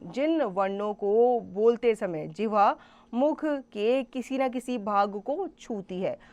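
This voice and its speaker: Slow, careful female grammar teacher. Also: fairly high pitch. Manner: slow, careful explanation, spells out letters one by one; addresses children directly with questions. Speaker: school teacher. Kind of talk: classroom grammar lesson.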